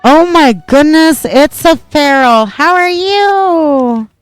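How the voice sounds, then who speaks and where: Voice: sits high, expressive, slow pace, dry recording, faint music behind. A streamer with a cute, playful, cat-like manner, chatting affectionately and gushingly to viewers while gaming. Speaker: variety game streamer. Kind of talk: cute playful livestreamer chat with cat-like meows.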